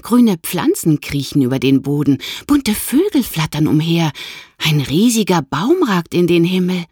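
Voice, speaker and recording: Woman reading a kids audiobook, low voice, slow and super animated. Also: husky, no echo, studio quality. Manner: expressive storytelling. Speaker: narrator.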